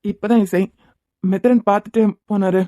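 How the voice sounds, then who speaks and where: A woman's voice: medium pitch, fairly even intonation, normal speed, warm tone, no echo, clean studio sound, lightly acted. A woman voicing a guilt-ridden worried young man. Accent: Kanyakumari Tamil. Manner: worried, self-blaming.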